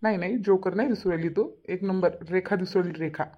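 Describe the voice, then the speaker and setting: A woman voicing a teasing, always-hungry elderly village father-in-law in a cartoon, with a low husky voice. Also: fast, lo-fi sound, lightly acted. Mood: mocking. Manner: teasing, chuckling. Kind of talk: cartoon voice acting.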